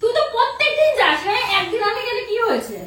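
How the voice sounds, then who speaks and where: Lively high-voiced sister, echoey room. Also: female voice, fast talker. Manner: defensive, arguing back. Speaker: sister-in-law in prank skit. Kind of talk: scripted comedy prank skit. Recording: echoey noisy room from a distance.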